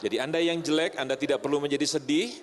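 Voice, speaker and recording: A man's voice: a little high, fairly even intonation, very fast, slight background noise. Joking male preacher in a reverberant church. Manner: joking, often asks the crowd to agree. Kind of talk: humorous sermon to a congregation. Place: church hall. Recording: long church hall reverb.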